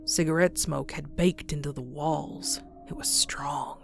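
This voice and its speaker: With music in the background, a woman speaks in a low, steady tone as a dread-filled pony narrating a horror comic dub. Her dramatic, suspenseful delivery is slow and slips into hushed, breathy whispers.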